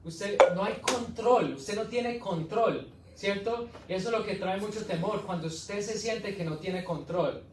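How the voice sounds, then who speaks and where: High-voiced man preaching in echoey hall. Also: unhurried, distant mic, a little hiss or hum. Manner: animated storytelling with laughs. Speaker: evangelist preacher. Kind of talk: testimony sermon. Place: church hall.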